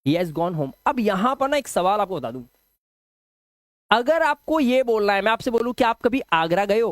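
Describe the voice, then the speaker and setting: Speaking with a high pitch and no echo around him, this Hindi-accented man runs a spirited grammar class in English. He keeps joking and peppering the students with rhetorical questions.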